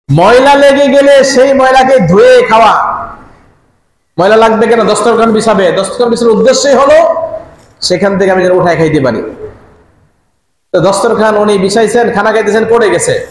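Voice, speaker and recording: A high-pitched man delivers a dramatic sermon, acting out each story with swings in pitch and pace. His voice rings through a long hall reverb over a faint hiss. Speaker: preacher. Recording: echoey hall with faint noise.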